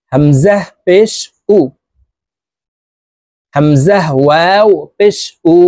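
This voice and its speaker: A Bangladeshi man teaching Quran letter reading, chanting syllables slowly and drawn out between quick explanations, with learners repeating after him. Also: a little high, dark tone, no echo. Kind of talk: recitation lesson with repeat-after-me drills.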